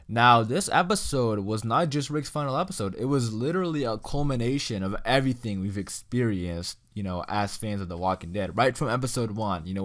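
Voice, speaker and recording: A man's voice: fairly low pitch, fairly bright tone. A young man giving a casual, enthusiastic ranking commentary, full of "you know" and "like.". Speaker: YouTube reviewer.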